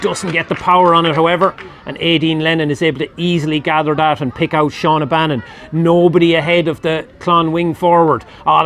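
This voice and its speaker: An Irish-accented man calls a match live in a somewhat bright voice, with a little hiss or hum on the recording. At scoring chances, and when a score comes, he gets sharply higher and louder.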